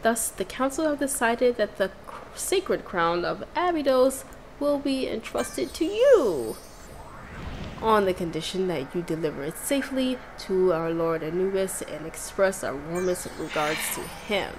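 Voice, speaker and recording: A woman voicing a tired, formal city mayor, reading his lines in a measured way. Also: medium pitch, big pitch swings, a little hiss or hum, low-quality recording. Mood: solemn. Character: weary, formal city mayor, older man. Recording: game music underneath.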